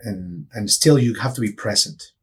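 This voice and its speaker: A man's voice: medium pitch, lively intonation, normal speed, vocal fry, slightly rough. A middle-aged man from Peru, a neurosurgeon guest in an interview, explaining things earnestly with frequent restarts. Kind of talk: interview answers.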